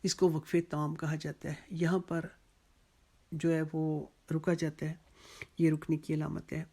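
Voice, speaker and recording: A Quran teacher explains the lesson in a measured, unhurried way, pausing often between phrases. The voice is mellow and warm, and it stays level with little rise and fall. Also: medium pitch, flat delivery. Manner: measured, explanatory, with frequent pauses.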